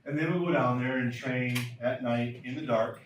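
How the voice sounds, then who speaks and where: A man's voice: mid-range voice, moderate pace, recorded from a distance, slight background noise. A man coaching throwers in a clinic lecture, emphatic and repeating key points, in a lecture hall. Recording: roomy lecture hall from afar.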